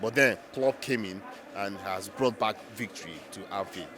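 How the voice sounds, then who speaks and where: A man's voice: on the low side, moderate pace, a crowd in the background. A man with a Nigerian accent giving unscripted football reaction as a fan, emphatic and repeating phrases for effect.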